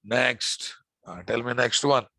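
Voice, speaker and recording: Crisp, slow-paced Telugu-accented Indian male instructor. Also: medium pitch, pushed and bright, no echo. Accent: Indian, Telugu-influenced. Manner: repeats phrases, frequent check-in questions. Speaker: programming instructor. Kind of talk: live coding lesson, addressing students.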